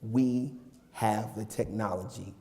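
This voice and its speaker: A man's voice: fairly low pitch, takes it slowly, warm tone. A man in his forties, a minister, giving a joking, conversational sermon with playful asides. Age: 40s. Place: church sanctuary. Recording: long reverb of a large church.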